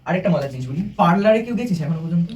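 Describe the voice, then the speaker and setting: A young man presents casually to a small group of friends indoors, speaking very fast in a high-pitched, animated, slightly mellow voice as he jokes and asks them questions. He's a student presenter, captured on a distant mic with light room noise, and the audio is dull.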